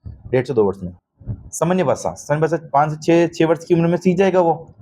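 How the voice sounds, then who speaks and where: A man's voice: a little high, very animated, fairly quick, mellow. A man teaching an exam-prep lesson, constantly checking understanding with short questions and calling students "beta". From Rajasthan.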